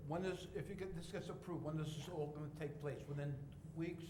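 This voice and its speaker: A man's voice: on the high side, fairly even intonation, fairly quick, breathy edge. A man speaking as a village trustee at a hearing, informal and emotional. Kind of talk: public hearing remarks. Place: village hall meeting room. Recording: mic with loud crowd behind.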